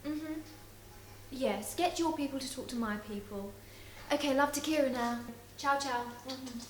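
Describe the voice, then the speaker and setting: A woman's voice: high-pitched, unhurried. A woman playing a posh, condescending fashion designer. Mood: haughty. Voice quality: posh, condescending, says darling. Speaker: sketch character. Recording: roomy echo, faint noise.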